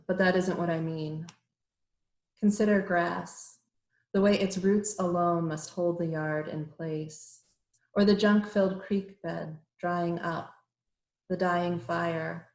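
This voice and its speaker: Slow, low-voiced woman reading poems. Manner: measured, hesitant introductions with many fillers. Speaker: poet. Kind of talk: poetry reading with short introductions. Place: home room on a virtual reading call. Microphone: computer mic on a video call. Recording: roomy echo.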